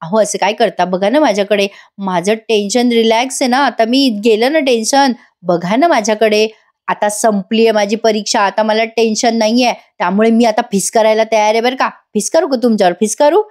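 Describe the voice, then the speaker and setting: Brief: hoarse woman reading a teasing young wife, coaxing and high. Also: a little fast, a little mellow, close to an everyday voice.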